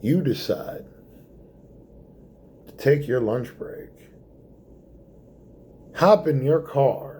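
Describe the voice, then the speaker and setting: Man, stand-up monologue, slow theatrical delivery, lively pitch, faint hum behind. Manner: theatrical, slows for effect and drops to hushed asides. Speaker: stand-up comedian.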